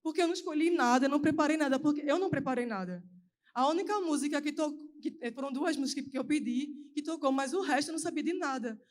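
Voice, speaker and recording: Young woman, high voice, youth sermon, earnest testimony, quick and anxious. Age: young adult. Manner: earnest, emotional personal testimony. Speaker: preacher.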